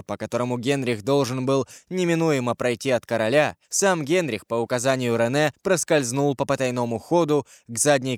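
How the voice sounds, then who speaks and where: A man reading a historical novel aloud as an expressive, measured audiobook narrator. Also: mid-range voice, no echo, clean studio sound.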